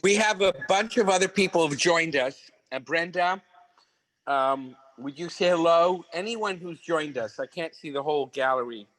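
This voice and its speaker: A man's voice: fairly high pitch, moderate pace, a bit bright, low-quality recording. A man hosting a video-call gathering, introducing guests with playful, repeated phrases. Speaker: host.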